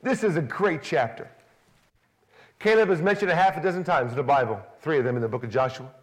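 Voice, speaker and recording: Preaching quickly, a male pastor swings between quiet, low-key emphasis and loud, excited passages, occasionally speaking as a biblical character in first person.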